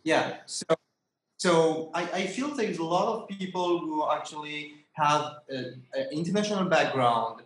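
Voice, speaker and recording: A man hosting a conversational interview, haltingly rephrasing as he goes. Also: a little high, expressive, a bit bright, slight background noise. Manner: halting, rephrases questions repeatedly. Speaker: interview host. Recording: echoey, roomy sound.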